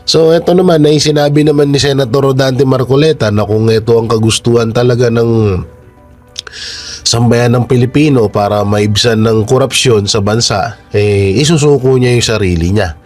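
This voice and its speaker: A man with a stuffy, blocked-nose voice gives informal, halting political commentary to his followers, often asking rhetorical questions. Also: mid-range voice, fairly even intonation, darkish tone, soft background music. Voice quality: congested, stuffy-nosed voice. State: nasal congestion.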